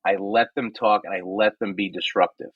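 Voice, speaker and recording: A man's voice: fairly low pitch, normal speed, husky, no echo, phone-quality sound. A man who is a comedian hosting a podcast, telling stage stories in casual chat and acting out crowd exchanges, with frequent swearing. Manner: animated storytelling, swearing, acts out crowd exchanges.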